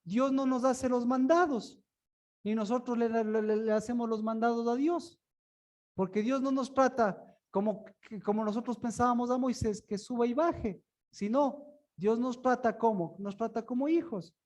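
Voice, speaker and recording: A man's voice: very high voice, moderate pace, a little mellow. A man teaching in a sermon style, asking the listeners many rhetorical questions and often repeating and restarting his words. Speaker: preacher.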